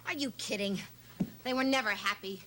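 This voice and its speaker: A woman's voice: medium pitch, normal speed, pushed and bright, lightly acted. A woman playing a proud, combative middle-aged divorced mother in a television drama, blunt, scolding and sarcastic. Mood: exasperated. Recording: noisy 1970s television soundtrack.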